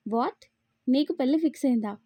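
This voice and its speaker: A woman voicing a teasing, excitable young man in a storybook reading. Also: sits high, brisk, no echo. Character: young man Aditya, teasing, loud-reacting friend. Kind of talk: storybook read-aloud.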